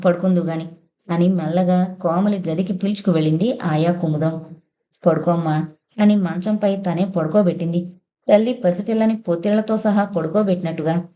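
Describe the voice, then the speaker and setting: A woman narrating a novel in an even storytelling voice. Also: medium pitch. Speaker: audiobook narrator.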